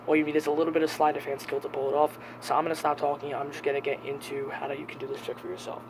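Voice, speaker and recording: Higher-voiced man teaching, with background noise. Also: flat delivery, very fast. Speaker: magic tutorial presenter. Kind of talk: casual step-by-step card trick tutorial.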